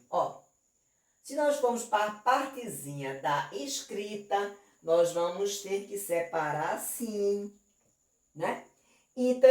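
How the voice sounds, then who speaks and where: A Brazilian woman teacher with a Brazilian Portuguese accent, reviewing an exam in an animated, affectionate way and using many diminutives. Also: medium pitch. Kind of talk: online exam review lesson. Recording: roomy and distant from the mic.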